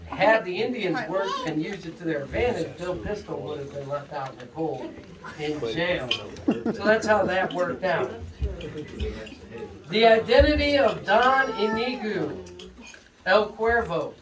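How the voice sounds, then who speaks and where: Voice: medium pitch, lively intonation, normal speed. Game host doing the big detective whodunit reveal, drawing out suspense, roomy sound w people chattering behind. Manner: explanatory, building suspense before naming the culprit. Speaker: murder mystery game host. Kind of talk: announcing a mystery reveal to a group, like a detective revealing the culprit. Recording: echoey, distant, chattering crowd in room.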